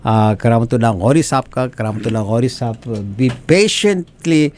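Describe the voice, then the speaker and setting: A male interview host with an even, mid-pitched voice. He speaks politely to his guest and often hesitates, restarting his sentences and filling the gaps. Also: a little hiss or hum. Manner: courteous and hesitant, with fillers and restarts.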